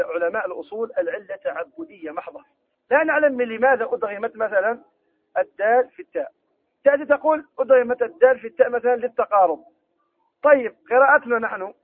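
A man teaching a Quran recitation lesson, explaining rules with questions to his students and reciting the examples slowly. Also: high voice, phone-quality sound. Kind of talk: tajweed lesson.

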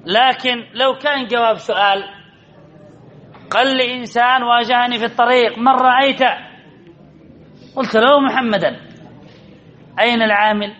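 High-pitched bright male teacher. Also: fairly even intonation. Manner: asks questions and answers them himself, repeats phrases slowly. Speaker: grammar teacher. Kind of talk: classroom lecture, repetitive question and answer. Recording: dull lo-fi recording.

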